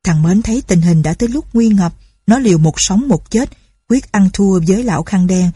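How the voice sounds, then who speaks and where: Husky-voiced woman narrating a story. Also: medium pitch, animated, moderate pace, dark tone, no echo, clean studio sound.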